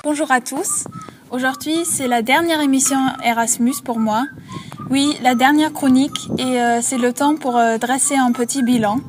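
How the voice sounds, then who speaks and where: A young woman sharing casual reflections as a student columnist, halting and searching for words. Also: high-pitched, fairly even intonation, distant mic, background noise.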